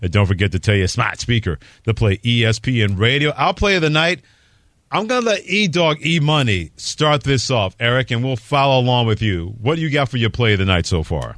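Trading talk with a co-host and callers, a New York City sports radio host in his fifties or beyond sounds animated and brisk. His mid-range voice is a bit bright, with no room sound.

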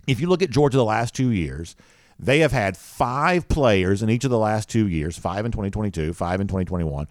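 A man's voice: mid-range voice, no room sound, clean studio sound. A man hosting a solo sports podcast, talking conversationally with fillers and self-corrections. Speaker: podcast host.

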